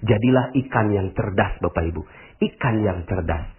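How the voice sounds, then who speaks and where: A man giving a motivational religious talk, rhetorical and animated, acting out quoted people in high voices. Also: normal speed, breathy edge, faint music behind. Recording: narrow phone-like audio.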